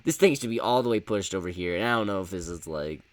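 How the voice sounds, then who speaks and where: A man's voice: sits low, expressive, fast. A man hosting a video, talking through his opinions in a rambling, offhand way, with frequent fillers and casual swearing. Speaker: video host ranking flags. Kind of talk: casual unscripted commentary.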